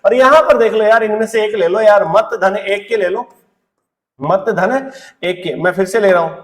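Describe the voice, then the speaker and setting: A man with a high voice teaching an energetic exam-prep lesson. He keeps firing questions at his students and answering them himself, with playful banter. His voice sits a little back from the mic in a roomy, echoing space. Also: normal speed, distant mic. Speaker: Hindi grammar teacher.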